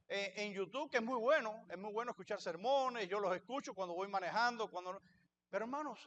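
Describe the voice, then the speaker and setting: Male pastor, very high voice, preaching a sermon in church, asks questions and answers them himself. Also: a bit bright.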